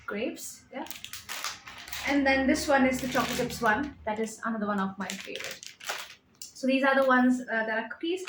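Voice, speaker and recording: A woman's voice: fairly high pitch, roomy sound, noisy background. A woman chatting casually at home in a show-and-tell vlog, reading out product labels with lots of fillers. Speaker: lifestyle vlogger. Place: home living room.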